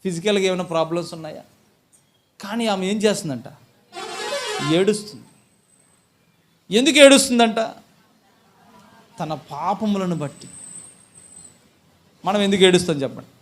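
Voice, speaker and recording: A man preaching a sermon as pastor, putting questions to his congregation and answering them himself, and building to loud emphatic peaks. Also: sits high, expressive, normal speed, pauses often, a little hiss or hum.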